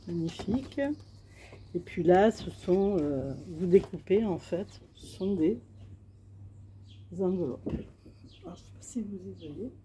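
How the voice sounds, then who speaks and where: A woman's voice: fairly low pitch, slow pace, long pauses, dark tone, a little hiss or hum. A woman showing off her craft purchases outdoors in the sun, chatting casually to her phone camera with lots of fillers and hesitations. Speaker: crafting vlogger. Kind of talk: casual show-and-tell haul. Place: outdoors in sunshine.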